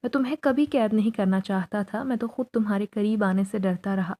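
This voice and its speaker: A woman's voice: mid-range voice, dark tone, lightly acted. A woman reading an earnest male jinn in love. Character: lovesick male jinn, young, insistent.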